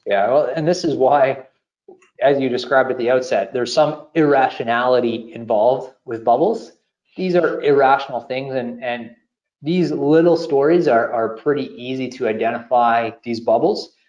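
A man co-hosting a finance podcast, laying out ideas at an even, explanatory pace. His voice sits in a roomy space and sounds a little dull and lo-fi. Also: mid-range voice, normal speed. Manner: steady explanatory, occasional repeated words. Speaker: podcast co-host. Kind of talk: casual finance podcast chat.

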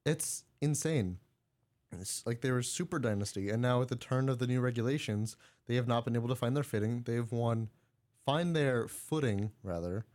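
A man's voice: medium pitch, moderate pace, a little mellow. Casual podcast co-host, male, jokey, laughs through his lines, rambling delivery. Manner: joking, laughs mid-sentence, rambling. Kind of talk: casual sports chat. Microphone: studio mic.

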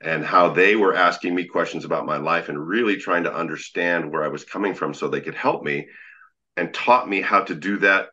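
A man with an extremely low, magnetic voice that still has a bright, forceful edge. He speaks conversationally, telling stories as an interview guest. The recording is slightly dull and lo-fi. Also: normal speed, a little hiss or hum. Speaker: podcast guest, leadership coach.

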